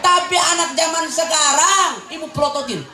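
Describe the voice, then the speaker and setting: A young male preacher giving a humorous sermon to a crowd of mothers, teasing them and shouting his punchlines. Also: extremely high pitch, moderate pace, very noisy. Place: religious gathering with an audience. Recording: echoey event hall with crowd sound.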